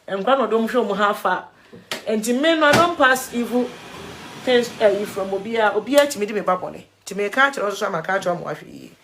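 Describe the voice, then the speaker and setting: Ghanaian woman vlogger, tearful, earnest, halting, code-switching. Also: mid-range voice, lively intonation, fairly bright tone, slight background noise. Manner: earnest, mixes English and Twi, halting repeats. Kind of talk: emotional video commentary.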